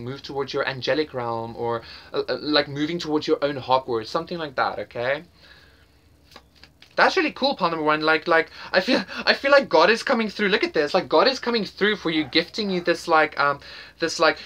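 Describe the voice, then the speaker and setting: A tarot reader doing a casual pick-a-card reading at a mid pitch. The speech rambles enthusiastically, stumbling over repeated words and checking in with "okay?" again and again. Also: bright, forceful tone. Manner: enthusiastic, intuitive, talks directly to the viewer.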